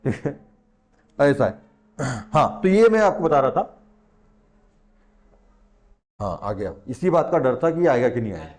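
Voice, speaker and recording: A man's voice: mid-range voice, big pitch swings, unhurried, pauses often, a little mellow. A man teaching a science class as a tutor, chatty and teasing, talking straight to his students. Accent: Hindi. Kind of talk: classroom lesson in Hindi.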